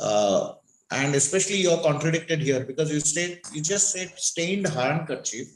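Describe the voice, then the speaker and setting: A man's voice: on the high side, animated, reverberant, background noise. A man, an examiner questioning a student about a clinical case and correcting her answers. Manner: probing, corrective, asks rapid follow-up questions.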